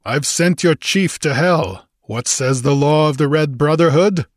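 A man's voice: fairly high pitch, measured pace, no room sound, clean studio sound, pitched above the performer's own voice, close to an everyday voice. A man doing a fierce, scornful barbarian warrior. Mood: defiant. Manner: challenging, sneering.

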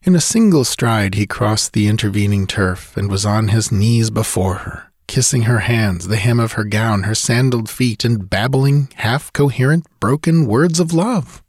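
A man narrating a story in a measured, descriptive reading. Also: lowish voice, husky, no echo, clean studio sound. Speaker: audiobook narrator. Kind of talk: scripted narration.

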